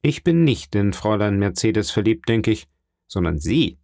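A man's voice: fairly low pitch, sing-song, moderate pace, vocal fry, a little mellow, no echo, studio quality. A man reading aloud and voicing a cunning, mocking schemer in a raised, sharper voice.

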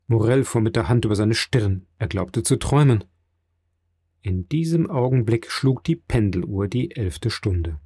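A man narrating a classic novel aloud in a measured, steady reading. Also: medium pitch, no echo, clean studio sound. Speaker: audiobook narrator. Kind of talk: scripted narration.

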